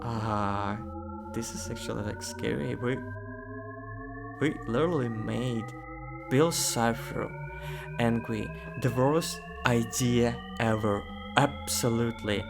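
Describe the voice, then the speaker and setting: A YouTuber reading out text and reacting in casual, excitable, nervous asides. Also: male voice, mid-range voice, slow, gravelly, over music.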